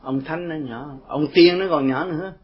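Older male teacher, folksy and rambling, fairly high voice, lo-fi recording with listeners around. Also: normal speed, husky. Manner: rambling, folksy, chuckling storyteller. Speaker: Buddhist teacher. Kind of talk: informal dharma talk with followers. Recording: dull lo-fi recording with crowd behind. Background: group of listeners.

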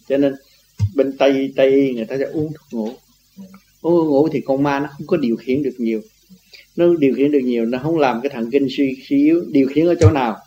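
A man with a dark, mellow voice speaks at an even middle pitch, teaching in a loose, rambling way. He repeats words and laughs now and then. A faint hum sits under the recording. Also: dull audio. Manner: rambling, repetitive, laughs often. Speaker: spiritual teacher. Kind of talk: informal religious teaching talk.

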